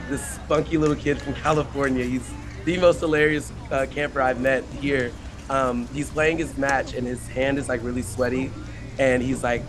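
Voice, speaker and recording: A young man speaks casually at outdoor tennis courts, a counselor giving loose, filler-heavy answers as he retells what the kids told him. His pitch sits in an ordinary middle range. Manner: chatty, quotes campers, many fillers.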